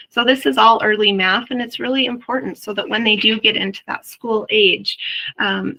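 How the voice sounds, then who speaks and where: A woman presents on early learning in a relaxed, chatty webinar talk, full of everyday parenting examples. Her voice is bright and forward with a gravelly fry at the ends of phrases. She speaks straight to her listeners. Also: mid-range voice, low-quality recording. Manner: addresses the audience directly. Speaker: mother. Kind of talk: webinar presentation to health workers.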